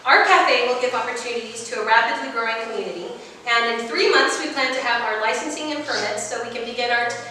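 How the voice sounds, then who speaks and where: A woman sincerely pitching a cafe she plans with her partner. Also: quick pace, pushed and bright, a little hiss or hum. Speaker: aspiring cafe co-owner pitching. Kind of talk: prepared pitch speech. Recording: echoey hall with long reverb, far from the mic.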